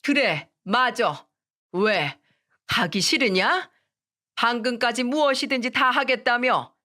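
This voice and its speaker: A cold, commanding mother-in-law lays down orders in a spoken radio story, as a woman puts her on. She talks deliberately, in a firm, scolding tone. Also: a little high, pushed and bright, pitched above the performer's own voice. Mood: stern.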